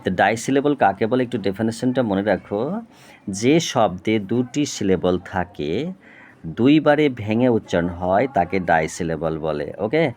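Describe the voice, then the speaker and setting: A man teaching a lesson at a board, explaining slowly and patiently, spelling out words and often checking with "okay?". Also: fairly low pitch, animated, a little mellow. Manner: slow, patient, repeats "okay?" to check understanding; spells words out and breaks them into parts. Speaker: tutor.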